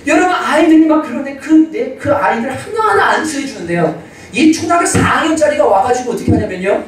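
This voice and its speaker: A male pastor giving a sermon, telling stories in a lively way and acting out the dialogue. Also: very high-pitched, fast talker. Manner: animated storytelling, acting out dialogue. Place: church sanctuary. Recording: distant echoey church hall.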